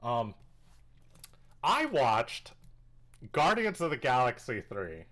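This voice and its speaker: Lively, low-voiced man in banter. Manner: chatty, quick to laugh. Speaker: podcast co-host. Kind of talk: casual chat.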